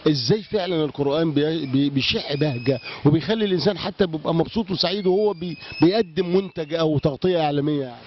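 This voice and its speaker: An Egyptian man hosting a local program, speaking in rapid, formal presenter phrasing. His voice sits a touch high. The recording is dull and lo-fi, with a faint hiss behind him. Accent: Egyptian Arabic. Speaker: TV program host. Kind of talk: broadcast interview and sign-off. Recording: lo-fi with faint noise.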